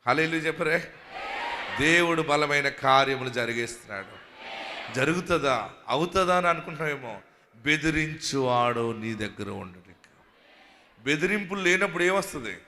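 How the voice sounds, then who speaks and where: A man preaching a sermon as a pastor. He tells stories in a conversational way, then rises into emphatic, shouted exhortations. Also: fairly high pitch, expressive, normal speed, long pauses, slight background noise. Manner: storytelling with conversational asides.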